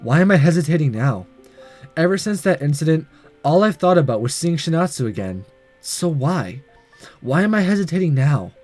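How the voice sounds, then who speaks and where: Over soft background music, a man hosts a gaming video, reading a visual novel aloud and adding casual comments. His slightly high, darkish voice is very animated at a moderate pace, and he stumbles over the odd line and rereads it.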